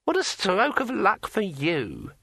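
A man voicing a pushy talking magic sword in a high, ringing, drawn-out voice. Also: huge pitch swings, pushed and bright, no echo, studio quality, heavily acted. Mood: bossy. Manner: slow and drawn out.

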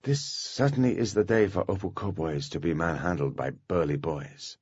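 A man's voice: sits low, normal speed, a little mellow, slightly rough, no echo, dull audio. A man voicing a scheming, sardonic female pixie prisoner who murmurs her words.

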